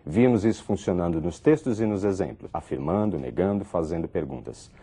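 A man from Brazil teaches a recorded English lesson with a dark, mellow voice. His pitch moves a lot as he reads the example lines aloud and then explains them. His tone is slightly husky. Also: lively intonation, a little fast.

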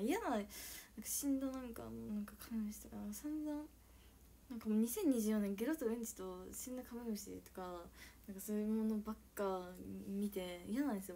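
Reading comments aloud during a relaxed live stream, a young Okayama woman with a local Okayama Japanese accent veers from squeals and shouts to giggles to hushed whispers. Her voice is mid-range, with a bit of hiss or hum in the audio.

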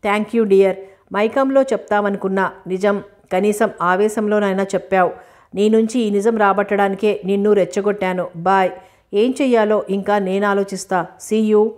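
A woman's voice: mid-range voice, fairly even intonation, moderate pace, darkish tone, lightly acted. A smug, scheming middle-aged man from a storybook, teasing and sure of himself, as a woman narrator reads him in a level voice with little rise and fall. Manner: teasing, self-assured.

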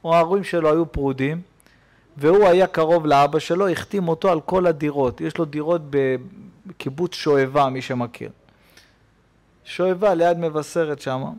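Guy rabbi preaching in a synagogue, high-ish voice, goes loud then hushed. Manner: animated storytelling preacher, swings between loud and hushed. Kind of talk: sermon.

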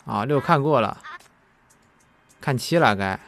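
A man's voice: medium pitch, animated, unhurried, a bit bright, a little hiss or hum. A man giving casual live commentary as he streams a game.

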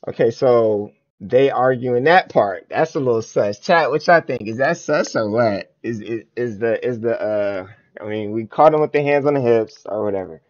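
A man's voice: mid-range voice, moderate pace. A man streaming live, chatting loosely and reacting to a music video, with lots of slang and filler questions to his viewers. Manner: loose slangy talk addressed to chat, frequent filler questions. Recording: dull lo-fi stream audio.

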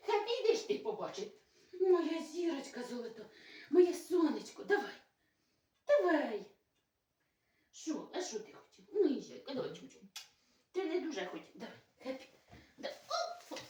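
High, lively village woman cooing to her dogs. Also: recorded from a distance. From Ukraine. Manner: cooing baby talk to pets, playful and coaxing. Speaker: village vlogger. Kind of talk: casual home vlog, talking to her dogs. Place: indoors at a village home. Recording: roomy, from away from the mic.

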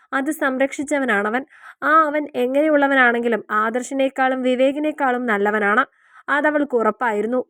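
A woman narrating a romantic novel as an audiobook, in a steady storytelling read. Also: sits high, dry recording, clean studio sound.

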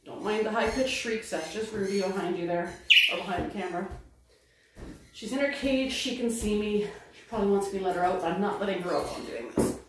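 A woman's voice: mid-range voice, fast. A middle-aged woman chatting casually to her viewers as she does chores at home, thinking aloud as she works. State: winded after a workout. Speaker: home vlogger. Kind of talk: casual running commentary. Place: home kitchen and dining room. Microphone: phone camera set across the room. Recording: roomy, distant phone audio with background noise.

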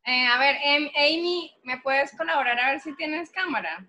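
A woman's voice: high-pitched, animated, normal speed, sharp tone, lo-fi sound. A woman English teacher with a Colombian Spanish accent, teaching an online class patiently, repeating and checking understanding.

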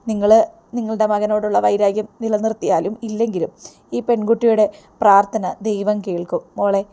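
A woman voicing a calm temple priest giving solemn instructions. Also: mid-range voice, moderate pace, lightly acted.

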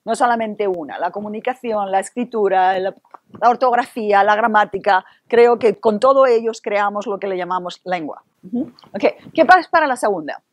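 A woman from Spain, speaking with a Spanish accent, runs an interactive workshop as a university Spanish instructor, keeping it lively and playful while pulling answers from the audience. Her voice is mid-range at a normal speed, with no room sound.

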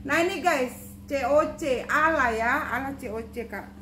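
A woman's voice: high-pitched, a little slow, fairly bright tone. A woman running a chatty live-stream sale of second-hand bags, repeating prices and coaxing viewers with endearments. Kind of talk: live-stream sales pitch. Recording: roomy echo, faint background noise.

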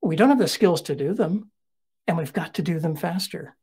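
A middle-aged man delivers a keynote talk in a husky, slightly breathy voice. He tells stories in a lively, conversational way, dropping in asides as he goes. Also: on the high side, moderate pace. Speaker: keynote speaker.

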